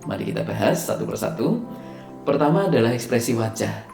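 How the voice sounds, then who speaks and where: A man with a gravelly, creaky voice gives a recorded lecture on presenting. He explains at an even pace, pausing on fillers and leaning on key words. The room sounds echoey, with faint music beneath him. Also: medium pitch. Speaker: presentation skills trainer.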